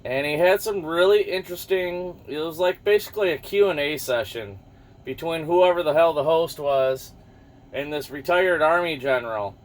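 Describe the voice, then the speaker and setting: A man's voice: on the high side, moderate pace. A man rambling casually about the news to his viewers, losing his thread now and then and swearing offhand. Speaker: vlogger.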